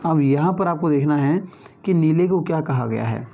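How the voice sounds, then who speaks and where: A man with a mellow, darker voice leads an exam-prep lesson. He talks through each question in a conversational teaching manner, regularly pausing to check in with his students. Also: fairly high pitch, expressive, creaky, muffled recording.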